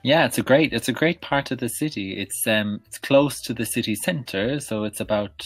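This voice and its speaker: A man in his thirties with an Irish accent, chatting casually in an interview, laughing often and filling pauses with ums. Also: medium pitch, dry recording. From west of Ireland. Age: 30s. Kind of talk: casual conversation.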